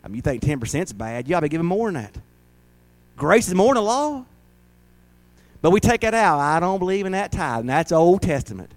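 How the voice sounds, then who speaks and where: A middle-aged man delivers a sermon as pastor. His voice sits a little high and moves between loud emphatic peaks and quiet, confiding asides, with the lively rhythm of a preacher working through scripture. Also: fairly quick, pauses often, no room sound.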